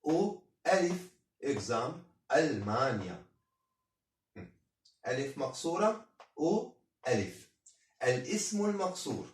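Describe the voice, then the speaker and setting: A man's voice: mid-range voice, sing-song, unhurried, long pauses. A man teaching a grammar lesson, switching between two languages and repeating words over and over as drills. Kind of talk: bilingual Arabic-French grammar lesson. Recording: roomy sound from a distance.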